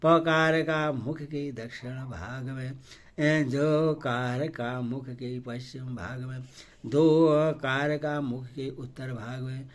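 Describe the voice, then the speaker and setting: A man reading devotional scripture aloud and intoning ritual mantras in a measured way, with frequent hesitant fillers between phrases. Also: medium pitch, fairly even intonation. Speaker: scripture reader.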